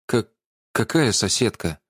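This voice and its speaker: A man's voice: medium pitch, lively intonation, measured pace, no room sound, studio quality. A man reading an audiobook and voicing a cowardly young man who pleads and stammers in a bleating tone. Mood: flustered.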